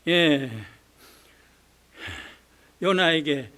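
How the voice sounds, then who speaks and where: A man's voice: fairly high pitch, drawn-out words, pushed and bright, clean tone. A man preaching a sermon as pastor, earnestly repeating key phrases and affirming himself with a firm "yes.". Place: church.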